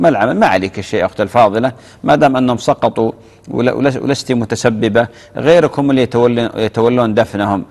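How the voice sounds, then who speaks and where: In a television studio, a man with a mid-range voice and big-room acoustics hosts a live fatwa Q&A. He reads callers' questions aloud, then answers them, often repeating his main phrases gently.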